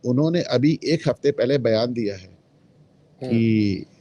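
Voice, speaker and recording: A man's voice: medium pitch, unhurried, warm tone, dry recording, dull audio. A man speaking as a guest in a political discussion, emphatic and opinionated, dropping English phrases into his talk. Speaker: guest commentator.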